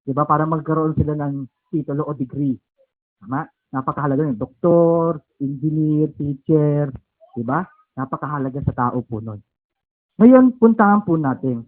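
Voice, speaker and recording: A Filipino preacher leads a Bible lesson at a home service. He has a high voice, spells words out slowly and keeps checking in with his listeners. The sound is thin and tinny, like it comes over a phone line. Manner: keeps asking "okay?" and "di ba?".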